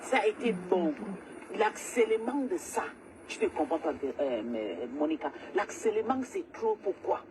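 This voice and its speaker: A woman's voice: medium pitch, very animated, moderate pace, background noise. A woman, ranting angrily and repetitively during a live stream. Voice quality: agitated, loud, repetitive ranting. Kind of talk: angry social media livestream rant.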